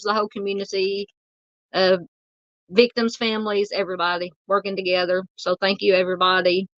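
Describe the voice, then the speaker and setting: This true crime livestream host from the Southern United States has a mid-range voice that is tired and nearly gone. She rambles chattily and warmly through viewer comments, using plenty of ums and uhs, in audio that is a bit dull, muffled, dry and close with no echo.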